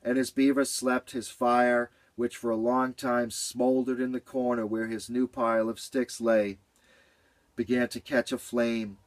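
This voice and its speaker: A man reading a children's story aloud in a gentle, rhythmic way with lots of repetition. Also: mid-range voice, flat delivery, measured pace, dry recording.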